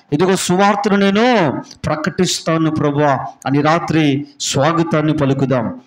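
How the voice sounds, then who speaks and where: A man pastor preaching a sermon with emphatic lists and call-and-response questions in a church prayer hall. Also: fairly high pitch.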